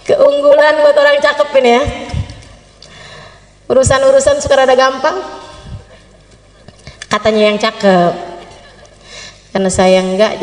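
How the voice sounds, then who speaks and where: A woman preacher telling a story in a sermon, lively and chatty with humorous asides. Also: high voice. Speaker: female Islamic preacher. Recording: reverberant hall.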